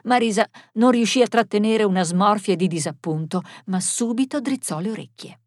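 A woman narrating a story in a measured, expressive reading. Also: medium pitch, dry recording, clean studio sound.

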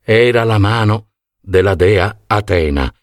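A man narrating an epic tale as a storyteller, with a dramatic, expressive reading. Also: on the low side, slow, dry recording, studio quality.

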